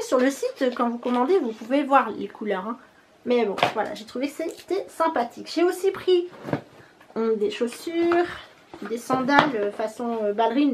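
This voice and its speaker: A high-voiced woman from France chats through a beauty haul vlog, rambling loosely and filling pauses with hesitations. She laughs at herself now and then. A faint hiss sits under the recording. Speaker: beauty vlogger.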